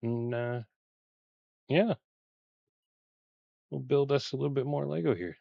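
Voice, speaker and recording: A man's voice: mid-range voice, unhurried, vocal fry, dry recording, narrow, tinny audio. A man with a Texan accent chatting casually on a live stream while building Lego, rambling with lots of fillers. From Texas. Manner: relaxed, rambling with many fillers.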